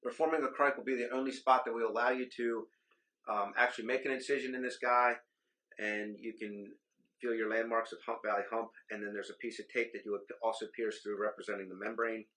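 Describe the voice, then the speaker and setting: A man's voice: medium pitch, little pitch movement, a little fast, bright, forceful tone, rough recording. A man, a simulation program administrator, giving a methodical instructional walkthrough of equipment in a hospital trauma bay simulation lab. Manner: explanatory, methodical, occasional ums.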